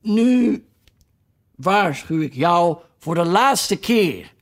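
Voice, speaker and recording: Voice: mid-range voice, big pitch swings, very slow. A reader voicing a furious, tyrannical queen who barks orders. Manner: shouting commands. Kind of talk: audiobook reading.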